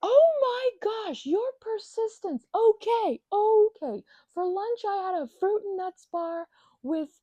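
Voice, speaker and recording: A woman plays the listener's roommate in an ASMR roleplay, sitting close to the mic and rambling with hesitation, fillers, stammered restarts and occasional soft whispers. Her voice is extremely high with lively intonation, and she takes it slowly. The recording is dry and lo-fi.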